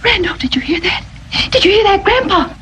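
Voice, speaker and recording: A woman's voice: very high voice, expressive, brisk, a bit bright, a little hiss or hum. An actress playing a fretful, melodramatic society mother, in 1940s film style. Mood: fretting. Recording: dull old film soundtrack.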